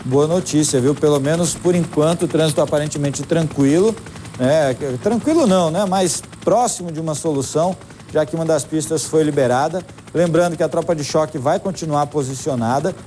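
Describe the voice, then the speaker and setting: A Brazilian man anchors live morning news, tossing to reporters and commenting loosely on what the camera shows. His voice is slightly high but mellow in tone. A light noise runs underneath. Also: a little fast. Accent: Brazilian Portuguese. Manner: chatty, commenting on live footage.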